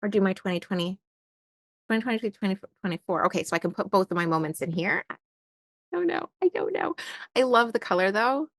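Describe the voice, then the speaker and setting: A woman's voice: medium pitch, animated, a little fast, dry recording. A young woman chatting casually while unboxing stationery and thinking aloud with lots of fillers. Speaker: stationery vlogger.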